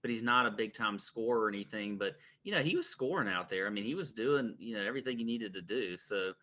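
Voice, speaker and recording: A man co-hosting a casual golf betting podcast, telling stories in an animated way. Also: fairly low pitch, quick pace. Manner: animated storytelling, drawls "y'all". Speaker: podcast co-host.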